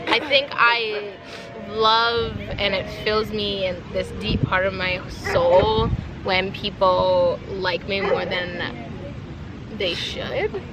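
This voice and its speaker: A woman's voice: medium pitch, steady tone, slow, over music, poor audio. A young American woman chatting casually in a candid, slangy party-girl manner for a Q&A. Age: young adult. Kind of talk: casual Q&A chat. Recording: loud crowd and outdoor noise.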